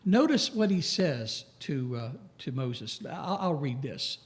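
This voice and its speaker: A man preaching a sermon in a church, slow and emphatic, lifting his voice on questions and dropping low for asides. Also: sing-song. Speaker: pastor.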